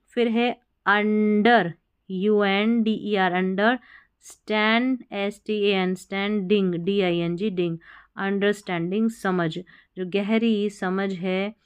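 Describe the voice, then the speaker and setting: A woman's voice: mid-range voice, smooth. A woman teaching English spelling and reading, spelling words out letter by letter, then explaining their meanings.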